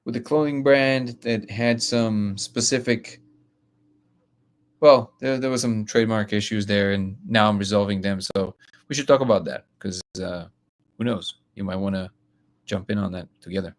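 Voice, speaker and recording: Gravelly low-voiced man hosting a live chat. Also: normal speed. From Russia. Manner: blunt, restarts often, reads viewer comments aloud. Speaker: live stream host. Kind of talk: casual live chat reading comments.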